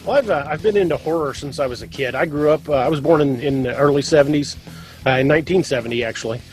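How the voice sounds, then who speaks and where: Fast-talking Missouri man in his fifties. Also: a little high, soft background music. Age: 50s. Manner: rambling storyteller, frequent ums and restarts. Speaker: guest author. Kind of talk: casual interview chat.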